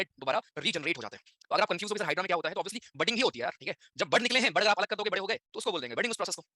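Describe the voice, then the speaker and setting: A young man delivers an online lecture at a rapid clip. His high, bright voice stays chatty, and he keeps asking his students questions as he goes. The sound is dry and close, with almost no room around it. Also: no room sound. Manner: chatty, addresses students directly with frequent tag questions. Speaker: teacher.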